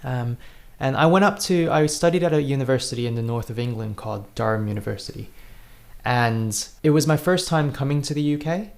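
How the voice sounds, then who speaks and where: Telling his own story as an interview guest, this Singaporean man in his thirties comes across as earnest and reflective, frequently restarting. His medium-pitched voice is gravelly, animated, and brisk.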